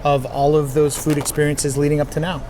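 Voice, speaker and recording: A man from New England, a chef being interviewed about his cookbook, talking in a measured, thoughtful way with frequent fillers. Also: fairly high pitch, little pitch movement, dark tone, slight background noise. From New England, United States. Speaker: chef and cookbook author, guest. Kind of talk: conversational interview.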